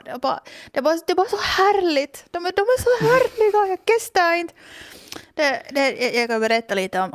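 A woman's voice: mid-range voice, no echo, clean studio sound. A woman with a Finland Swedish accent, gushing enthusiastically as a podcast host in casual chat, with many restarts.

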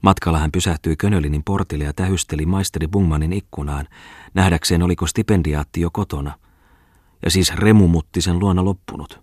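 Audiobook narrator: man, very low husky voice, dry studio sound. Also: darkish tone, no room sound. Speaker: audiobook reader.

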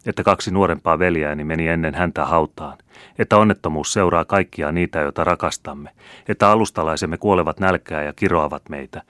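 A man's voice: deep voice, fairly bright tone, no echo, clean studio sound. A man reading a dreamy, bitter seventeen-year-old count who speaks with passion in an audiobook. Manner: impassioned, bitter.

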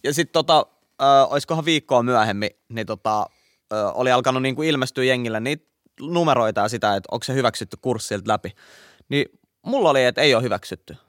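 A man in his twenties, a podcast co-host, telling a story in a casual, animated, slangy way. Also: mid-range voice, no echo, studio quality.

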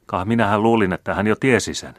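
A man's voice: on the low side, no room sound, clean studio sound, pitched above the performer's own voice, lightly acted. A man reading the part of a frightened young male servant who rambles and jumbles his words. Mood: rambling. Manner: rambling, jittery.

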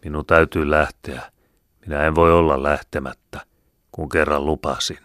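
A man voicing a quiet, serious young volunteer soldier who speaks in a deep, grave voice. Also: fairly even intonation, dry recording, studio quality.

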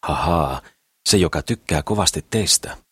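A man's voice: very deep voice, animated, a bit bright, slightly rough, no echo, studio quality, full character voice. A man voicing a nosy self-styled noblewoman who whispers and pries, in an audiobook. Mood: prying. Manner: whispering, prying. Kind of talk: audiobook character reading.

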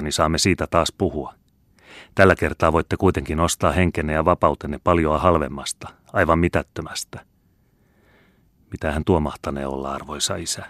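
A man's voice: rumbling low, a bit bright, no room sound, studio quality. A man reading a classic novel aloud as an audiobook narrator, giving the dialogue varied emphasis. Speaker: audiobook reader.

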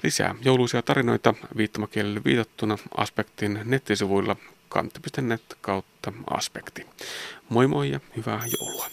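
A man's voice: lowish voice, creaky, a little hiss or hum. A man hosting a Finnish TV magazine and reading a Christmas story aloud. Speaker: TV magazine host. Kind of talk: presenting and story narration.

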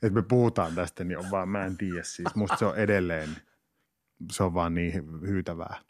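A man's voice: low-pitched, fairly even intonation, no room sound. A man talking as a podcast guest in casual chat, rambling with frequent laughs and restarts. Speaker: guest, actor and writer.

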